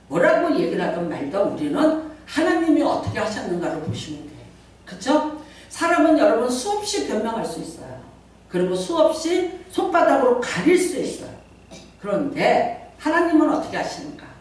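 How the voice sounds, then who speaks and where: A middle-aged woman pastor giving a Sunday sermon, chatty and playful as she tells stories and acts out quotes. Her pitch swings widely and animatedly. The sound is very echoey, with the mic set well back in a church hall. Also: recorded from a distance. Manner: conversational storytelling with playful asides and acted-out quotes. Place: church sanctuary.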